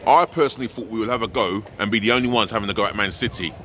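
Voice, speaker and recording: A middle-aged man vlogs outside a stadium, holding the camera at arm's length. His voice sits low but has a bright, forceful edge as he vents his frustrations as a fan. Faint urban noise is heard behind him. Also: very fast. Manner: frank, exasperated fan venting about his team. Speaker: football fan vlogger, host. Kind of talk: pre-match vlog to camera. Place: outdoors by a large stadium, city plaza. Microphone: handheld camera at arm's length.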